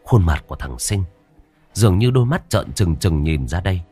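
Deep-voiced man telling a ghost story. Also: moderate pace, slightly rough, soft background music. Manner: dramatic, lively storytelling.

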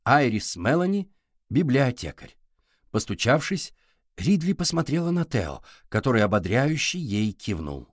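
A man narrating an audiobook with expressive storytelling. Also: mid-range voice, a little slow, no echo, studio quality.

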